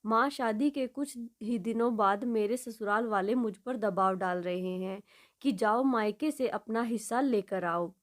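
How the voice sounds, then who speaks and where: A woman's voice: a little high, unhurried, natural voice. Subdued hurt young wife, as a woman narrator plays her. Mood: sad. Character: unhappy young married daughter, hurt and restrained.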